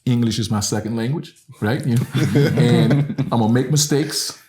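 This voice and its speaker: A man's voice: mid-range voice, moderate pace, a little mellow. A middle-aged man from Alabama, a professor talking earnestly as a podcast guest, often tagging "right?" and "you know". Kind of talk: reflective conversational explanation.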